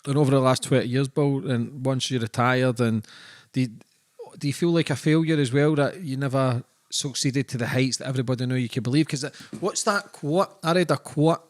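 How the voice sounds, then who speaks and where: A man's voice: medium pitch, normal speed. Casual male interviewer. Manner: casual, informal, swears. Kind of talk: conversational interview questions.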